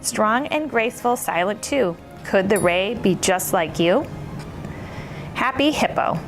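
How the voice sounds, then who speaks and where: A woman's voice: medium pitch, expressive, unhurried, faint music behind. A woman hosting a children's story time, playful and bubbly like an entertainer for young listeners. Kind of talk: children's story time chat and read-aloud.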